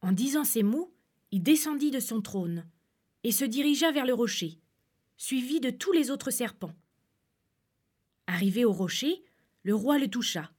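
A woman calmly reading a fairy tale aloud as storyteller. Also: a little high, unhurried, long pauses, breathy edge.

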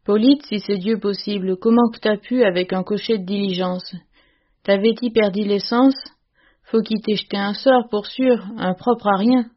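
A woman voicing a furious old peasant farm mother who scolds loudly in rural dialect. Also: mid-range voice, a little slow, dull audio, natural voice. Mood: angry.

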